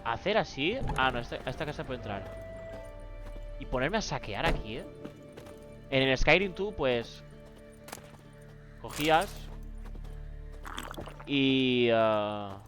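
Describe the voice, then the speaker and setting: Young spanish guy streaming a game, slangy and jokey, voice jumps all over. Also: medium pitch. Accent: Spain. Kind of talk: casual let's play commentary. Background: game music.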